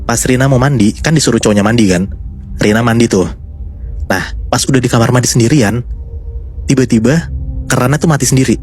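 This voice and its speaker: A man's voice: medium pitch, brisk, long pauses, a little mellow, slightly rough, soft background music. A man casually telling a horror story to his co-hosts, chatty and building suspense. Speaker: storyteller host.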